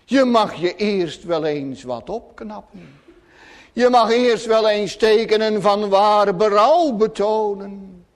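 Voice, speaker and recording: A man's voice: sits high, takes it slowly, voice pushed up. A man voicing a sly, scheming devil who tempts and mocks churchgoers. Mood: mocking. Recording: long church reverb.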